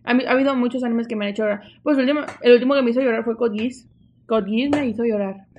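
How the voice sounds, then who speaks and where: A young adult woman with a Mexican Spanish accent, co-hosting a casual podcast chat and telling stories in a lively, chatty way. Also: a little high, quick pace, highs cut off, slight background noise. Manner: animated, chatty storytelling. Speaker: podcast co-host.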